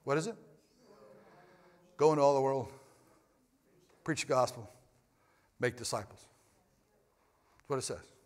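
A man preaching a sermon in a church, moving between quiet, close talk and loud, emphatic bursts, with frequent restarts and repeated words. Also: medium pitch, a little slow, long pauses. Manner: swings from loud emphatic shouts to quiet near-whispers. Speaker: pastor. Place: church sanctuary.

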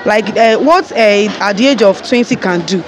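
A woman's voice: mid-range voice, moderate pace. A young woman with a Nigerian accent answering a street interview, hesitant and searching for words with many fillers. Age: young adult. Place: outdoors by a painted wall. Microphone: phone held close by interviewer. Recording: street noise behind.

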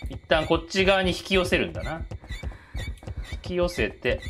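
A woman's voice: sits low, sing-song, moderate pace, slight background noise. A woman giving casual horror game commentary, muttering to herself in short phrases. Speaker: game streamer.

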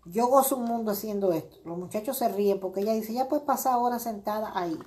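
A woman's voice: medium pitch, fast, a little hiss or hum. Chatty woman crafting live, full of fillers. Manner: chatty, warm-hearted, rambling with many fillers; greets viewers by name while working. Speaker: craft video host. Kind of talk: casual crafting livestream chat.

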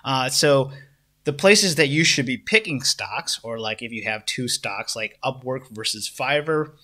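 A man's voice: medium pitch, lively intonation, measured pace, sharp tone. A young adult man hosting a casual stock analysis video, talking loosely with many fillers and restarts. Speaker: stock market video host.

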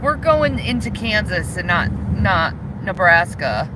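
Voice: mid-range voice, very animated, unhurried. A passenger chatting playfully with the driver in a moving car, picked up by a phone on the dashboard. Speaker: co-host passenger. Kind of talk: casual chat on a road trip. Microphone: phone mounted on the dashboard. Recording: loud road noise in a car. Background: road and engine noise.

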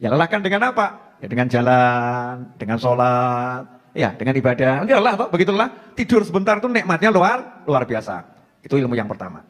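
A man's voice: medium pitch, big pitch swings, fairly quick, long reverb tail. A man with a Javanese accent giving a humorous religious advice talk to a congregation. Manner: humorous, mixing in Javanese phrases. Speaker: Islamic preacher.

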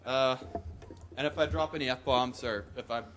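Steady in tone and moderate in pace, a young man's mid-range, fairly bright voice leads a jokey tech talk in a conference hall. He speaks into a podium microphone over a slight hiss or hum as listeners whoop and laugh.

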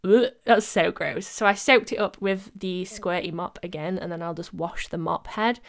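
Chatty woman with a smooth, clear voice. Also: on the low side, moderate pace. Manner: chatty, self-mocking, laughs often. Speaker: vlogger. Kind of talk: casual voice-over narration. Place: home studio, voice-over recorded separately.

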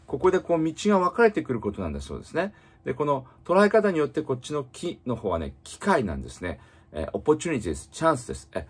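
A man teaching English in casual spoken style, reading slowly and explaining with many fillers. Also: mid-range voice, slightly rough.

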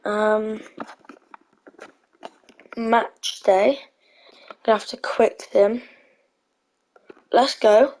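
A woman's voice: fairly high pitch, fairly even intonation, very slow, long pauses, a little mellow, rough recording. A woman giving casual, hesitant commentary on her own gameplay, thinking aloud with lots of ums. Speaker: gaming channel host.

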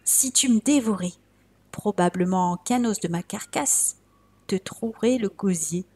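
A woman voicing a luckless traveler man who begs a tiger to spare him, in a high, pleading voice. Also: lively intonation, a little slow. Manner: high-pitched, pleading, loud.

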